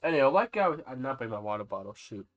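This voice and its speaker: Lively, stuffy-nosed male game streamer. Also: mid-range voice, racing. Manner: chatty, rambling, talks to his viewers and to game creatures. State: stuffy nose, nasal and about to sneeze. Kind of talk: casual live-stream chat while playing.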